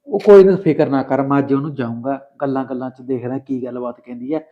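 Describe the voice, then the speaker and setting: A man's voice: mid-range voice, little pitch movement, fast talker, phone-quality sound. A man acting in a short film, sweet-talking and coaxing in a casual village manner. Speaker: actor playing a married man courting another woman.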